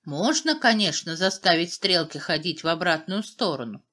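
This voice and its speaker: A woman voicing an old male clockmaker who answers calmly and firmly, with quiet dignity. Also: fairly low pitch, moderate pace. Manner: calm and firm.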